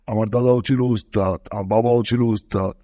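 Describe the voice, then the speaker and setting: A man's voice: fairly low pitch, fairly even intonation, normal speed, mellow, no room sound, lightly acted. A man voicing a small, boastful male martial-arts master in a fan cartoon dub who brags about his power. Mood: bragging. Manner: bragging, groaning when hit.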